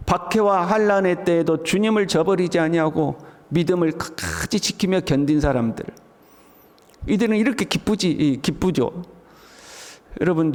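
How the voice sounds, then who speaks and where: A man with a notably high voice preaches an early morning sermon in a church sanctuary. His voice rings out with a long reverb through the room. He leaps into loud, exuberant exclamations when he acts out the calls to praise. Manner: swings to loud excited exclamations when voicing the psalm's call to praise. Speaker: pastor.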